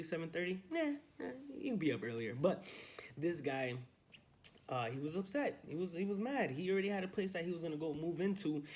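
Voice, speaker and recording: A man's voice: fairly high pitch, darkish tone. A young man, a realtor, talking casually and upbeat in a morning vlog from his study at home, filming handheld. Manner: chatty, loose and upbeat, lots of fillers. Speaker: realtor vlogger. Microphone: handheld phone camera.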